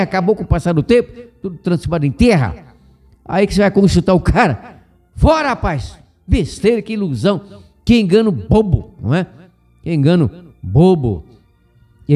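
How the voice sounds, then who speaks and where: A man's voice: high-pitched, dark tone. A man from Brazil with a Goiás accent, hosting a casual radio Bible program, rambling with joking asides and self-corrections. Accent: Goiás Brazilian Portuguese. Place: radio studio.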